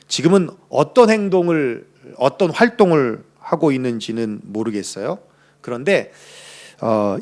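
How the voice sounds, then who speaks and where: A man pastor giving a Sunday sermon, earnest, building to emphatic peaks. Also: fairly high pitch. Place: church.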